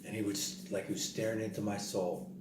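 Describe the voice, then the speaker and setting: A man telling a casual story in an animated way, repeating himself and acting out what other people said. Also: fairly low pitch, a little fast. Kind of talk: casual spoken travel story. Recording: roomy, distant mic, noisy background.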